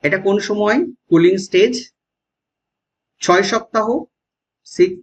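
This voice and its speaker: A man's voice: sits high, unhurried. A man with a West Bengal Bengali accent teaching an exam-prep lecture, explaining step by step and often checking in with the class. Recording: dull lo-fi sound.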